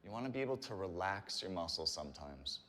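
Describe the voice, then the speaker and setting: A man giving calm, encouraging step-by-step instruction as he leads a guided stretching workout. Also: low voice, fast talker. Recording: reverberant room with long echo.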